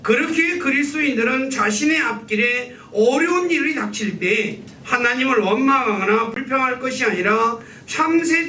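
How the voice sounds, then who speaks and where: Male pastor, bright voice, animated sermon delivery, heard from a distance in a reverberant church with a faint rumble. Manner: asks the congregation questions and answers them. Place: church sanctuary.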